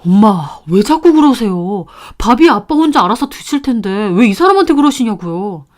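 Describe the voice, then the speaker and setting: A woman doing a soft placating husband. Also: on the high side, sing-song, moderate pace. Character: weary young husband caught between wife and mother.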